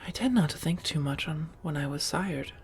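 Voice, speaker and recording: A woman plays a centuries-old vampire housemate, genteel and affectionate, in soft-spoken ASMR, using a deep, husky, breathy voice with measured, old-fashioned phrasing. There is a little hiss or hum in the recording, and the mood is reflective and genteel.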